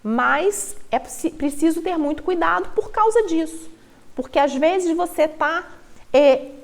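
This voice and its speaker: Lively high-voiced woman lecturing casually. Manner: conversational and explanatory, thinks aloud with hypothetical examples. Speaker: Vedic astrologer giving a talk. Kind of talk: informal lecture at a yoga retreat. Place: live talk at a yoga retreat.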